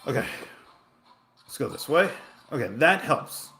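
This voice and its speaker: Rambling man with a bright voice. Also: on the high side, big pitch swings, unhurried, gravelly. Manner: rambling, self-deprecating, frequent fillers and restarts. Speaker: gaming streamer. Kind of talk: casual gameplay commentary with storytelling.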